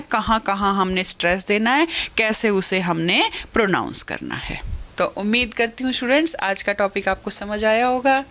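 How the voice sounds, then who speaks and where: A woman teacher giving a lecture, slowly explaining step by step and repeating example words. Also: mid-range voice, fairly bright tone.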